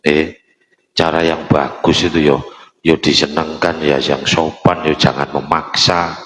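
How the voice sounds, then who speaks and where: A man's voice: rumbling low, flat delivery, measured pace, a bit bright. An older man preaching a sermon with a Javanese accent, mixing Arabic recitation with chatty asides to the congregation. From Indonesia. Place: mosque hall. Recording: echoey mosque hall.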